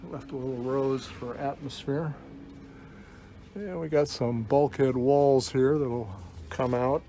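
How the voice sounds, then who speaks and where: A man's voice: medium pitch, vocal fry, warm tone. A man giving a casual, offhand walk-through, rambling a little and dryly joking, his voice slightly muffled through a face mask. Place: inside an old bus at a scrapyard. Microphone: handheld phone. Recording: noisy handheld phone recording, vehicle ambience.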